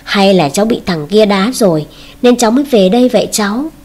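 A woman reading the lines of a sharp-tongued mother in her forties who hits back fast, in a husky voice. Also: medium pitch, animated, natural voice. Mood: biting. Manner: sharp, biting.

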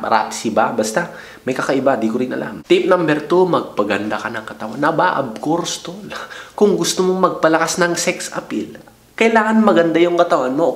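A man's voice: a little high, fairly bright tone. A young man vlogging casually, giving playful, slangy advice and teasing his viewer. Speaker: vlogger giving dating tips. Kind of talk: casual joking talk to camera. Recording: echoey room.

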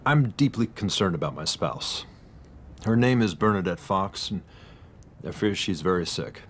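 A middle-aged husband in a radio drama, earnestly confiding his worry. His voice is low, with faint noise in the background. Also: lively intonation, moderate pace, a bit bright. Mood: hesitant, anxious.

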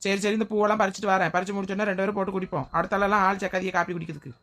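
A woman's voice: medium pitch, fairly even intonation, rapid-fire, a bit bright. A woman, playing a grumbling, sarcastic sister-in-law in a family comedy skit. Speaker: comedy sketch performer.

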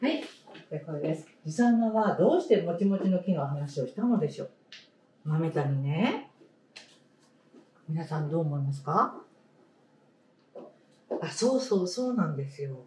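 A woman teacher leading a read-aloud lesson, speaking slowly and emphatically, repeating key words and asking the class questions. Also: low voice, expressive, a little mellow, a little hiss or hum. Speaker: primary school teacher. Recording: roomy sound, distant mic.

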